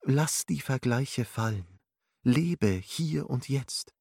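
A man voicing a calm, wise woman who counsels with soothing, gently instructive words. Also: mid-range voice, takes it slowly, gravelly, husky, no room sound, studio quality, exaggerated voice. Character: calm, wise older female spiritual counselor.

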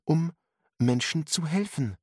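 A man's voice: on the high side, lively intonation, slow pace, pitched above the performer's own voice. A man voicing an earnest young woman who speaks thoughtfully. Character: young woman, earnest student wanting to help.

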